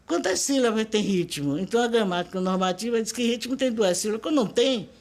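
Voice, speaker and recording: A woman's voice: a little high, lively intonation, fast, a little mellow. An older woman from Brazil with a Brazilian Portuguese accent, speaking as a linguist in a documentary interview, emphatic and didactic. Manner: emphatic, didactic, spells out pronunciations.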